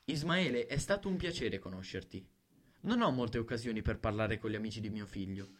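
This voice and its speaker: A man voicing a bright, cheerful young mother who gushes and chatters. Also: fairly low pitch, animated, brisk. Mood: bubbly. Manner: gushing, effusive.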